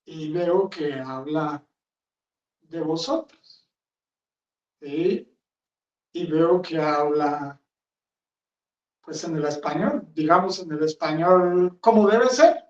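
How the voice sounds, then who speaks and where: A man's voice: a little high, slow pace, pauses often. A man, a friar, preaching a homily in a blunt, rambling, conversational way. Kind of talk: sermon. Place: chapel. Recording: roomy, distant, dull sound.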